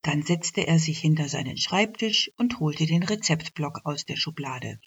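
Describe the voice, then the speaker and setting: A woman narrates a radio fairy tale in a calm, measured way. Her voice is low and unhurried. The recording sounds dull and lo-fi. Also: husky. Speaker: storyteller.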